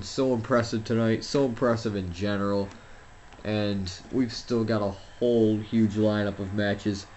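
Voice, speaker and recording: Playing a wrestling video game at home, a young man rambles through casual solo commentary, putting himself down and filling it with fillers and false starts. His voice is on the low side and darkish. The audio has its highs cut off and slight background noise.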